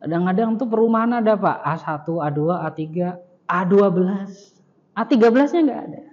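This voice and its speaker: A man's voice: sits high, lively intonation, fairly quick. A male Islamic teacher giving a conversational study lecture in a mosque, joking and putting rhetorical questions to the audience. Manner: fills phrases with "ya" and "nah". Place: mosque hall. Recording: reverberant mosque hall, dull lo-fi sound.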